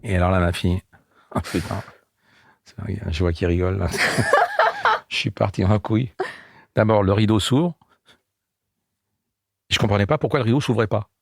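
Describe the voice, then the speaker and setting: Older guy comedian telling stories, low and a bit husky, laughs a lot, dry mic. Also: a little fast, long pauses, no room sound. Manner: animated anecdotes with voiced quotes and laughter. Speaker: guest comedian. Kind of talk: casual storytelling.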